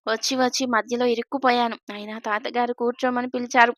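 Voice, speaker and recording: A woman's voice: fairly high pitch, little pitch movement, quick pace, a bit bright, no echo, clean studio sound, lightly acted. A woman voicing a shy but mischievous young woman. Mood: coy. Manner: coy, mischievous.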